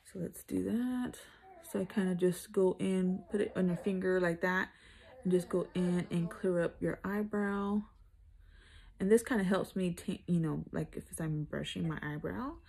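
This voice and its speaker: A woman doing a casual makeup tutorial vlog, chatting in a relaxed way while she applies makeup. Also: fairly low pitch, a little slow, vocal fry, breathy edge. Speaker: makeup vlogger.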